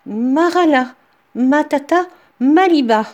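A woman's voice: on the high side, very animated, a little slow, darkish tone. Woman doing a generous poor woodcutter. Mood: calling out.

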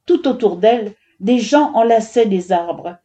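Mellow-voiced woman narrating a storybook. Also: a little high, a little slow. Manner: expressive, voices every character.

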